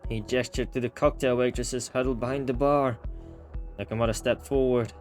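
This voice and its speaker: A gaming host reads a visual novel aloud and comments on it casually with informal slang, over game music featuring guitar. He speaks at normal speed with a mid-range voice and a steady tone.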